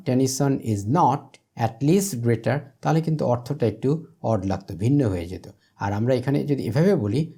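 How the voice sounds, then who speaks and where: Man as tutor, mellow and husky, walks through exam grammar step by step. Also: medium pitch. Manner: explains step by step, reads English example sentences slowly and deliberately. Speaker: English teacher.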